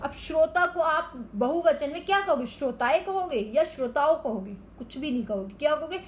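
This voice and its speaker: A woman teaching a Hindi grammar lesson to children, explaining slowly and carefully word by word and mixing in English words. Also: sits high, animated, a little hiss or hum.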